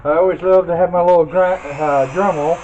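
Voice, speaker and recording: Steady in tone and a little mellow, this high male voice moves a bit fast. He hosts a hands-on scrap metal teardown video, casual and folksy, talking through his thoughts. Faint noise and clicks run through the dull, lo-fi recording.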